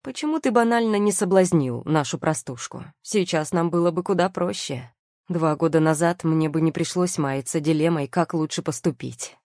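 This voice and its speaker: A cynical, scheming nobleman who sneers and coolly justifies himself, as read by a woman in an audiobook. The voice sits low and mellow. The recording is close and dry. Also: normal speed, no room sound. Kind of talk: audiobook character reading.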